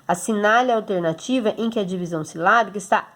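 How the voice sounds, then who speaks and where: In a recorded homework lesson for kids, a teacher with a Brazilian Portuguese accent talks fast in a medium-pitched, slightly bright voice. She walks the children through the exercise patiently and step by step, frequently checking in with them.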